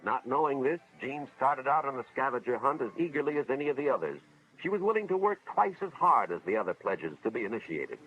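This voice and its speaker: An actor as an earnest 1950s educational film narrator, American man, expressive. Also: mid-range voice, fast talker, lightly acted. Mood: earnest, dramatic. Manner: earnest, dramatic, moralizing storytelling. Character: earnest school official narrating a cautionary tale. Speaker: narrator, a school official telling a story. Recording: dull vintage film soundtrack, music behind.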